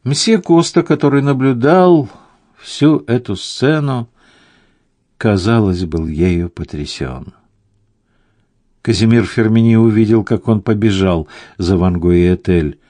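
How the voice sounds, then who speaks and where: A man narrating a novel as an audiobook in a measured storytelling manner. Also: on the low side, dark tone, no echo, studio quality.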